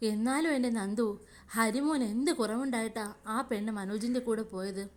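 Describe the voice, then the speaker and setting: A woman's voice: a little high, moderate pace, darkish tone, natural voice. A woman voicing a fussing, doting older village woman in a story reading. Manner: doting, gossipy.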